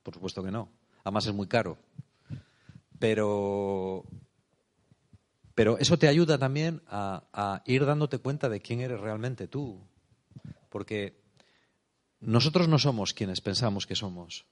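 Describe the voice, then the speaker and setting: A man giving a thoughtful spiritual talk, often checking in with "eh?" and "no?". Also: lowish voice. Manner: thoughtful, unhurried, tag questions like "eh?" and "no?". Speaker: preacher.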